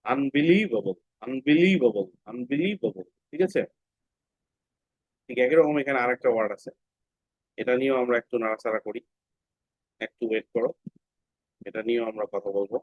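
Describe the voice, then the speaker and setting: A male teacher of middling pitch takes children through a phonics lesson step by step. He asks a question and then answers it, and he says each word slowly several times over. The sound is dry and a little dull, like a lo-fi classroom recording. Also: no room sound. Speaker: English teacher. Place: classroom with students.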